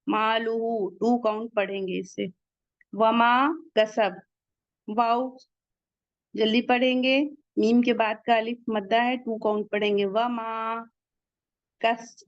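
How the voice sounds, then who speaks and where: A woman teaching the rules of Quran recitation, slowly sounding out each word and then explaining how to pronounce it. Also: fairly high pitch, no echo, dull audio. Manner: slow, deliberate, drawn-out recitation of each word.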